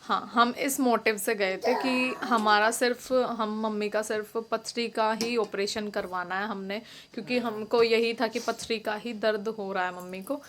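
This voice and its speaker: Young woman vlogging, kinda high voice, chatty with lots of ums, noisy home recording. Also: steady tone, measured pace, fairly bright tone. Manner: chatty, explains with many fillers and restarts. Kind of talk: casual vlog chat.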